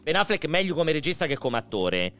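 A man is bantering casually on a livestream. His voice is bright and sits a little high, swinging widely as he gets excitable and swears in exasperation, with faint music behind him. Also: brisk. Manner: excitable, profane, exasperated outbursts. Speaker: live streamer.

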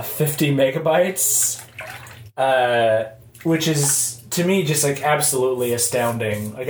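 A man hosting a casual solo podcast from an echoing bathroom, talking in a halting, rambling, informal way. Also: mid-range voice. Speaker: podcast host. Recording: echoey bathroom, faint background noise. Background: faint noise, sounds of shaving at sink.

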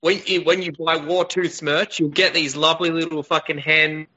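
A man's voice: on the high side, level tone, normal speed, bright, forceful tone, slightly rough. A man chatting casually and bluntly with swearing, his phone-call voice cutting in and out on a weak mobile connection. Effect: voice cutting in and out over a weak mobile connection. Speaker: podcast guest, band member. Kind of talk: casual chat. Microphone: phone on a video call. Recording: dull lo-fi call audio breaking up.

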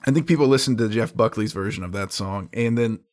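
A man with a fairly low voice explains his view of a song in an unhurried, opinionated way. He builds his argument across long sentences. The tone is that of a relaxed podcast discussion. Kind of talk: casual music chat.

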